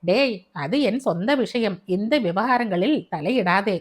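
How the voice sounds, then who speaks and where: A woman's voice: mid-range voice, measured pace, lightly acted. A woman voicing a fussy elderly uncle who grumbles, scolds and pities himself, in a storybook reading. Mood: grumbling. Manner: scolding, exasperated.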